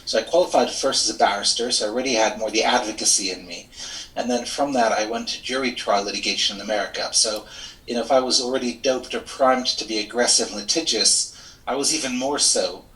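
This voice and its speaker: A man's voice: medium pitch, brisk, fairly bright tone. A middle-aged man from Switzerland, a lawyer and mediator, telling his story candidly and articulately in an interview over a video call. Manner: articulate, candid, self-deprecating. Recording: echoey room, distant from mic.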